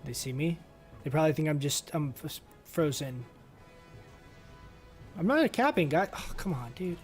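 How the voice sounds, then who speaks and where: A man's voice: fairly high pitch, sing-song, normal speed. Rambling casual young-sounding gamer guy. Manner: rambling, filler-heavy, swears casually. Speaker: streamer playing an online game. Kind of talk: casual gaming chat. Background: faint game music.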